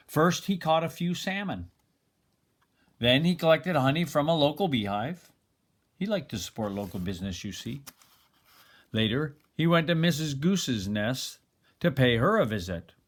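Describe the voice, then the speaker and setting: An older man reads from a children's picture book in a grandfatherly way, full of expression and pausing for drama. He speaks at a medium pitch.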